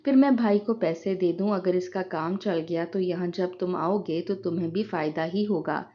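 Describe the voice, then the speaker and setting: A woman's voice: lowish voice, highs cut off, natural voice. A woman voicing a tearful older mother. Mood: gentle.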